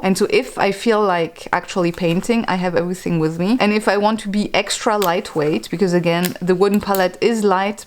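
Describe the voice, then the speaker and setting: A woman's voice: fairly low pitch, a little hiss or hum. A woman with a nasal voice, congested from a slight cold, explaining things casually as a video presenter. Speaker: art vlogger, presenter.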